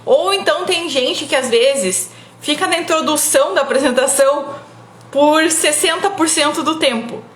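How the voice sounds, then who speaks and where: On a live stream, a young woman gives casual public speaking advice in a high, slightly bright voice at a moderate pace. She's chatty, laughs often, and keeps tacking on "tá?" tag questions. The sound is roomy.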